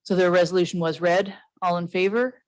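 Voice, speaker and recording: A woman chairing a council meeting as mayor, brisk and informal, with filler words. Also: lowish voice, fairly even intonation, a little mellow, no room sound.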